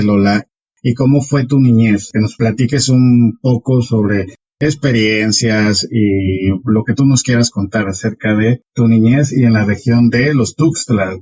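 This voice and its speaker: A man's voice: medium pitch, darkish tone. A man hosting an interview podcast, asking long rambling questions in an easygoing way. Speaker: podcast host. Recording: muffled lo-fi podcast audio.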